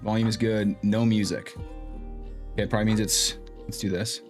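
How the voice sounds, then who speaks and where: Male streamer, lowish voice, loose chatty host, home setup with faint music behind. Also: level tone, fairly quick. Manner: chatty, thinks aloud while fixing audio. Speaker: livestream host. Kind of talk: casual live-stream chat. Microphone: streaming mic with in-ear monitoring. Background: faint background music.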